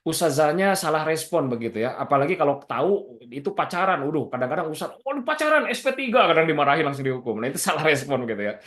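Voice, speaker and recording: A man's voice: fairly high pitch, fast, few pauses, a bit bright. Chatty male parenting trainer. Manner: conversational, addresses parents directly with rhetorical questions. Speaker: parenting trainer and boarding school consultant. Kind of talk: webinar talk to parents.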